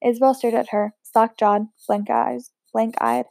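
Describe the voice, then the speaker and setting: A woman reads a novel aloud in a mellow, fairly high voice, steady and unpolished, now and then stumbling and restarting a word. The recording is dry and close, with no room sound. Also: a little slow, creaky, no room sound. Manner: steady, unpolished reading with occasional slips and restarts. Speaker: audiobook reader.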